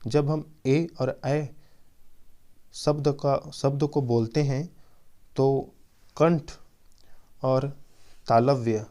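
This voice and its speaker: A man teaches a quiz-style exam prep lesson, reading out each question and its options before explaining the answer. His voice sits at a mid pitch with a warm, mellow tone. He talks slowly and repeats key points so they stick. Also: steady tone. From Chhattisgarh, India.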